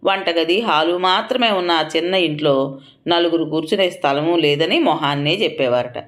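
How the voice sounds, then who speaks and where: A woman narrating an audio story in a measured storytelling manner. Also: low voice.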